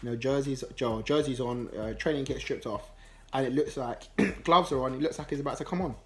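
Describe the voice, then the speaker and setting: A man giving a casual, animated match review, with many ums and restarts. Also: mid-range voice, a little fast, faint music behind. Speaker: football channel host.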